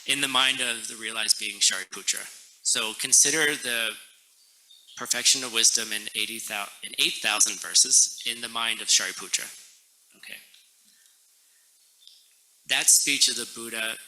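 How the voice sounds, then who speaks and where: A man teaching a class in a relaxed, joking way, correcting himself as he explains a text. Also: medium pitch, normal speed, long pauses, rough recording.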